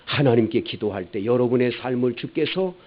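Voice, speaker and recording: Fervent Korean pastor preaching, lo-fi sound. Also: male voice, medium pitch, normal speed. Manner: animated storytelling, acting out quarrels in raised voice. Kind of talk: sermon. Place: church sanctuary.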